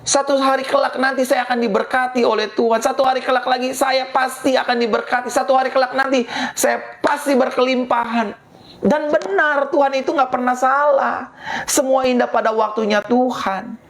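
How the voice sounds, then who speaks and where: A woman's voice: high voice, fairly even intonation, moderate pace. A middle-aged woman pastor preaching a sermon, repeating phrases and addressing the congregation directly.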